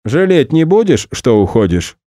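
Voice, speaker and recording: Man doing a nosy, needling sidekick voice, pitched up. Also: very animated, moderate pace, dark tone, dry recording, studio quality, close to an everyday voice. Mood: teasing. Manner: teasing, nosy.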